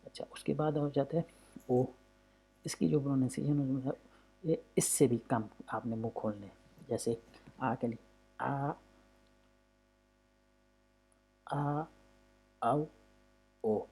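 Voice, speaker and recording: A man's voice: medium pitch, fairly even intonation, moderate pace, pauses often, mellow, breathy edge. A man teaching a language lesson from a textbook, explaining patiently and repeating himself, drawing out vowel sounds to demonstrate them. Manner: patient, repetitive, often says "okay" between points.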